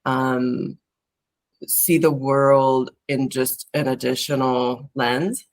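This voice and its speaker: With a bass voice, a level tone, and drawn-out words, this California woman talks as a guest on a podcast. She is a therapist, and her casual interview talk wanders reflectively, full of fillers and restarts.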